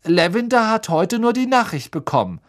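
A man's voice: sits high, sing-song, normal speed, no room sound, clean studio sound, pitched above the performer's own voice. Man doing a careful, lecturing schoolgirl. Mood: reasoning. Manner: careful, reasoning, a bit lecturing. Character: earnest, know-it-all schoolgirl.

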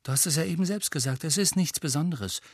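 Sullen teenage schoolboy wizard read by a man, husky, low, muttered, dry close sound. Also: fast talker, dry recording. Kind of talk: audiobook character voice.

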